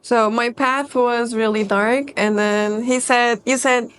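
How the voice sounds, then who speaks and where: A young woman in her twenties, a guest in a casual interview, speaking hesitantly with pauses and restarts. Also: a little high, steady tone, a bit bright, clear, resonant tone. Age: 20s. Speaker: guest, former team member.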